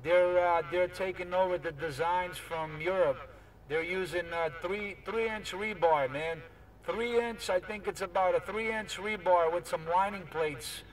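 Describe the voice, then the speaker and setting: A high-voiced man talks informally on CB radio with fellow operators at a measured pace, frequently adding "man." His audio carries the CB transmission effect and comes through distant and noisy.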